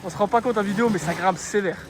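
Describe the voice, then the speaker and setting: A man filming friends on a dirt hill, teasing them and shouting encouragement while laughing a lot. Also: sits high, rapid-fire, noisy background. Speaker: vlogger filming friends riding. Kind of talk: casual outdoor banter. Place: outdoors on a steep dirt hill.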